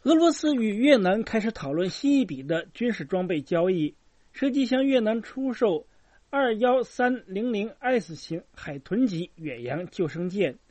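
A man's voice: sits high, big pitch swings, measured pace, darkish tone, no room sound. A man reporting as a correspondent in a formal, scripted news report.

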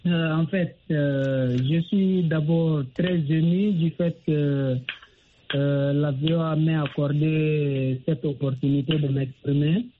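A man calling in to a radio show over a phone line, speaking formally with many pauses and tag questions. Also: on the high side, fairly even intonation. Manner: formal, with many pauses and repeated "n'est-ce pas". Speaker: radio call-in listener. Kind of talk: call-in opinion on a radio show. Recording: tinny phone line with faint noise and clicks.

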